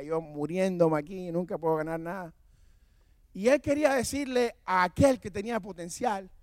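A man preaching a sermon from a church altar, passionate and sometimes shouting, and mixing self-mocking stories with earnest appeals. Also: high voice, no room sound, clean studio sound. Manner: storytelling with self-mocking humor. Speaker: pastor.

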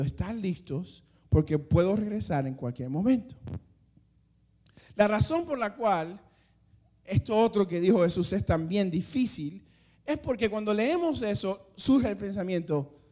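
High-voiced man preaching emphatically. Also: lively intonation, warm tone. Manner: emphatic preaching with dramatic pauses and rising lines; some restarts and stammering when speaking off the cuff. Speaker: pastor. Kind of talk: sermon.

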